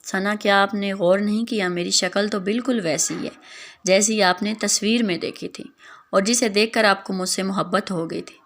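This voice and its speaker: A woman voicing a quiet, stern wealthy young man in a wheelchair, speaking in a calm, measured rebuke. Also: medium pitch, natural voice. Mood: hurt.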